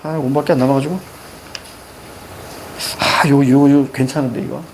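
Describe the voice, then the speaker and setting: A male teacher giving a classroom lecture on exam questions, brisk and instructive, checking in often with quick rhetorical questions. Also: mid-range voice, fairly even intonation, slight background noise. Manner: brisk, instructive, keeps students marking text.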